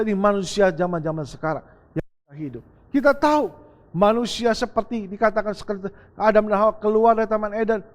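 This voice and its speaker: A man preaching a sermon as pastor, swinging between loud bursts and soft lines as he acts out a story. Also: very high-pitched. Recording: long reverb of a church hall.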